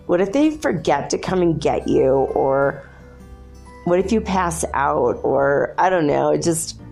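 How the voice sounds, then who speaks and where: Low, mellow woman with a swollen-throat sound. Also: gravelly. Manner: informal, self-quoting, chatty asides. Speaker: podcast host. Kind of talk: casual rambling solo podcast chat.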